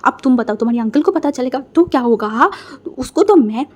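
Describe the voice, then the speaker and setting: Woman doing a furious mom yelling at her kid, high and loud, accusing. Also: lively intonation, fairly quick, muffled recording. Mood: furious scolding. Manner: shrill, loud, accusing rants. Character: furious scolding middle-aged mother.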